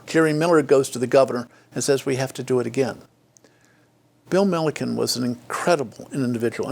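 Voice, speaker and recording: An older man telling stories from his career in a reflective interview, with many restarts. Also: mid-range voice. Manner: frequent fillers and restarts, acts out quoted dialogue. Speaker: interview guest, former state official.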